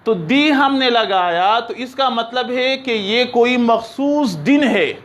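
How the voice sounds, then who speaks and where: A man teaching an English class, explaining slowly, repeating examples and checking that students follow. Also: extremely high pitch, lively intonation, fairly bright tone. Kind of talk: classroom lecture.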